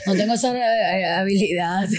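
Animated woman telling stories. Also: mid-range voice, normal speed, a loud crowd. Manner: animated storyteller, laughs often, acts out quotes. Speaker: podcast guest, sex educator. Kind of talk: casual podcast chat.

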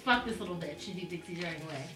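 A woman player in a tabletop game, giggly, excitable and swearing freely. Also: on the low side, very fast, echoey room, distant mic, over music. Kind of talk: casual tabletop play.

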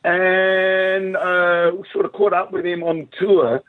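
A middle-aged man with a broad Australian accent and a husky voice, chatting casually and telling anecdotes as an animated interview guest. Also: sits high, takes it slowly, dry recording. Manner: animated storytelling, acts out quoted remarks. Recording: tinny phone-like line.

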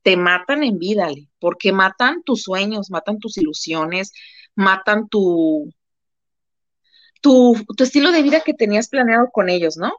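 A woman's voice: medium pitch, lively intonation, a little slow, dry recording. A woman with a Mexican Spanish accent talks casually as a live-stream co-host, stressing her points by repeating them. The sound is dull and dry, with no room around her voice. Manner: emphatic, repeats phrases for effect.

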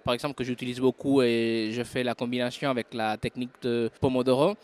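A Spanish recruiter, a non-native speaker with a Spanish accent, gives a casual interview in a mid-range, level voice at a fairly quick pace. He sounds hesitant, filling his speech with fillers as he searches for words.

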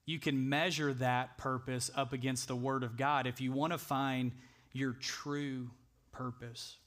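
A man's voice: mid-range voice, level tone, unhurried, fairly bright tone. Earnest male pastor preaching a sermon. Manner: earnest, conversational preaching that builds to emphatic peaks. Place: church sanctuary.

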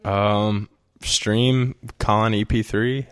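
A man's voice: on the low side, fairly even intonation, extremely slow, fairly bright tone, clean tone. A young man, a podcast guest telling a long story casually, full of "like" fillers and laughing often. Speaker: guest musician.

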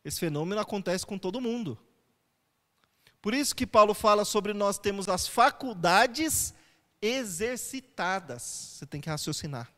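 High-voiced pastor in a reverberant church. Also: male voice, animated, a little slow, a bit bright. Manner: conversational teaching with rhetorical questions. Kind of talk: sermon.

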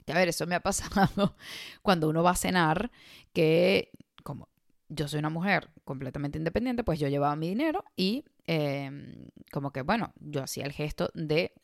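A woman's voice: deep voice, lively intonation, moderate pace, vocal fry, no echo, studio quality. A woman hosting a solo podcast, chatting and telling personal stories with lots of fillers and restarts. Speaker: podcast host. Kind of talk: casual solo podcast talk.

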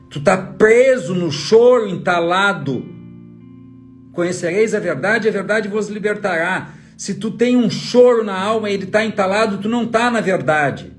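A man giving an emphatic motivational talk as a trainer, full of rhetorical questions aimed at the listener. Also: sits high. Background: faint guitar music.

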